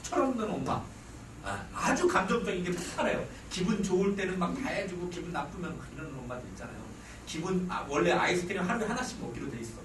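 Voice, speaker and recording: A man giving a psychology lecture on parenting to a live audience, talking in an animated way. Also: high voice, fast, recorded from a distance, slight background noise. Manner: animated, acts out mothers' lines with sudden shouts. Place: lecture hall. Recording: roomy hall sound from off-mic. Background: audience laughter.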